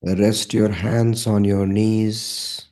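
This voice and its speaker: This guided meditation is led by a man with a lowish voice who speaks short, calm, measured phrases punctuated by long pauses.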